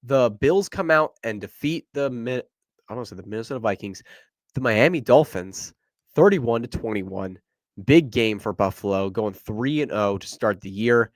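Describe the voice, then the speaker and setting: A young man hosts a solo sports podcast in a medium-pitched voice, sounding congested, stuffy-nosed, and a little nasal. He talks with energy in a casual, rambling, conversational way full of quick asides, and the recording is dry.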